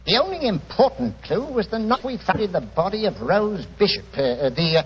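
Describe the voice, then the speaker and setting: A plodding London police inspector with a British accent in an old radio play. The voice is fairly high, halting and deferential, on a muffled recording. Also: male voice, sing-song, husky, exaggerated voice. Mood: respectful, rueful. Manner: hesitant, respectful, halting. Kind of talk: 1940s radio drama acting.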